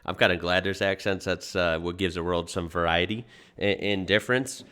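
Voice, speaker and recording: American guy reacting to a clip, low voice but bright and smooth, hesitant, lots of restarts. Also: steady tone, moderate pace. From United States. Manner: hesitant, restarts, chuckles, easygoing. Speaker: reaction channel host. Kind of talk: casual reaction commentary.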